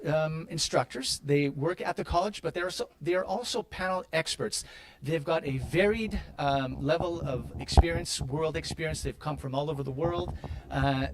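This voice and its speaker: Man, panel moderator, upbeat, effusive, slightly high voice. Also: low-quality recording. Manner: upbeat, effusive, frequent fillers. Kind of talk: hosting a panel discussion.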